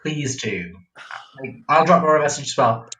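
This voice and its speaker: Bright-voiced chatty male drag host. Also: on the high side, lively intonation, normal speed. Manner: giggly, chatty, reads out viewer comments. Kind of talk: casual livestream chat. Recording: echoey room.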